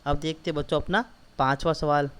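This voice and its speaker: A man teaches schoolchildren, going over each textbook answer step by step and saying it twice. His voice sits fairly high and sounds clear and smooth. He slows down and speaks up whenever he reads a line from the book. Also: fairly even intonation. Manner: patient, repetitive explaining, addresses children directly; reads quoted lines slowly and louder.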